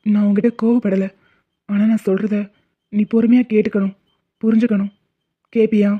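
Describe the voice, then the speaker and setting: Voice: mid-range voice, little pitch movement, moderate pace, close to an everyday voice. A voice actor playing a young, hot-tempered but caring boyfriend in a cartoon love story, first scolding and then explaining things earnestly. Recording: tinny phone-like cartoon audio.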